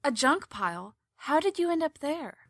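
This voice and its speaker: A woman plays a wary young princess in a sci-fi audio drama. Her voice is on the high side, earnest and full of questions. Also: sing-song, normal speed, fairly bright tone, full character voice. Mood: concerned, questioning.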